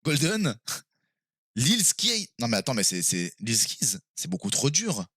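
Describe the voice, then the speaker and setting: A man streaming live and playing a quiz game with his viewers, excitable and quick to exclaim and swear when he is stuck. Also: mid-range voice, husky, no echo, studio quality.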